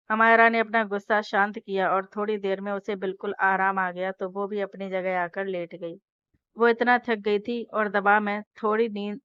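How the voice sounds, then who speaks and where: A woman's voice: mid-range voice, fairly bright tone, clean tone, no room sound. Woman narrating a family story, dry lo-fi sound. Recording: dull lo-fi dry recording.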